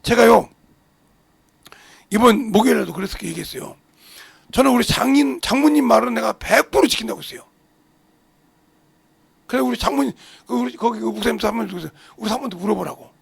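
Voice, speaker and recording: This pastor's voice is gravelly and husky, and he talks briskly with frequent pauses. He swings between shouting and muttering in a fervent sermon, peppering the congregation with rhetorical questions, all in a dry recording.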